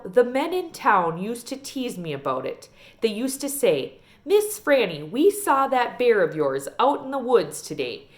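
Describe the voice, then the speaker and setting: A woman with a fairly high but darkish voice plays a genteel, wistful old librarian lady from a small storybook town. She tells tales in a folksy, emphatic manner and sounds amused.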